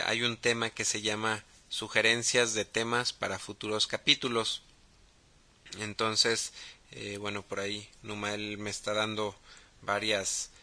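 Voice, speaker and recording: Slow, bright-voiced Mexican podcast host. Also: male voice, on the low side. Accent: Mexican Spanish. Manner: halting, many fillers and restarts. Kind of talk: casual podcast talk.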